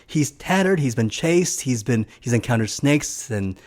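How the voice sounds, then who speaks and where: A man's voice: medium pitch, animated, a little slow, a little mellow. A middle-aged man narrating a film recap for his channel, chatty and enthusiastic, with personal asides. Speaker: film reviewer.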